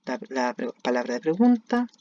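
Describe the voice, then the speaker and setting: An English teacher with a Chilean Spanish accent explains grammar slowly and deliberately, repeating each example sentence. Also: medium pitch, sing-song, warm tone, highs cut off. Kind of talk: recorded lesson explaining grammar.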